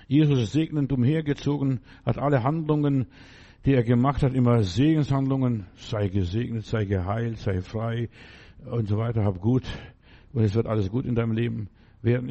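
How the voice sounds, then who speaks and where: A man's voice: medium pitch, warm tone. A male preacher giving a sermon, repeating affirmations and often checking whether the listener understands. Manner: repeats affirmations and keeps asking the listener "verstehst du". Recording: dull lo-fi recording.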